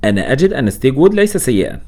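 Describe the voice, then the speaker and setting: A man's voice: mid-range voice, big pitch swings, very fast, darkish tone, voice pushed up. A man voicing a sly female secretary who talks in a teasing, mischievous way.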